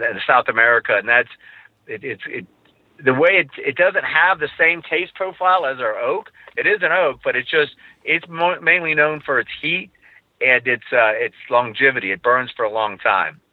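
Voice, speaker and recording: A man's voice: mid-range voice, dry recording. Guy on a podcast explaining stuff, repeats himself starting sentences, thin tinny phone sound. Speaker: charcoal company representative. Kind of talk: podcast interview guest.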